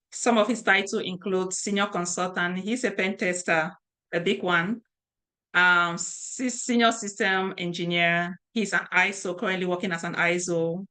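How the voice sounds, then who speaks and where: A woman's voice: fairly low pitch, fairly bright tone. A middle-aged woman from Cameroon, a cybersecurity instructor presenting an online training session over a video call, talking conversationally with fillers and restarts. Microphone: webcam video call.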